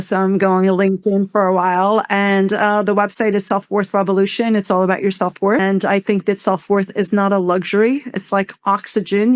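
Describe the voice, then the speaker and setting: Casting: woman from Iran, podcast guest, smooth clear voice, dry close sound, open and emphatic. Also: medium pitch, no room sound. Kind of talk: candid podcast conversation.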